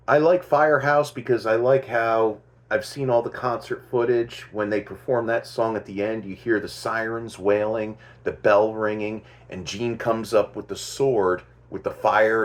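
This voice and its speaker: A man hosting a casual music commentary, thinking aloud and stopping to correct himself as he goes. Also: lowish voice. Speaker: host.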